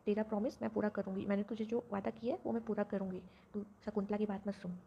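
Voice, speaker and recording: A woman voicing a doting, indulgent old grandmother who reassures her granddaughter and hushes her daughter-in-law, on a dull lo-fi recording. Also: medium pitch, flat delivery, quick pace, gravelly, slight background noise, natural voice. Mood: reassuring.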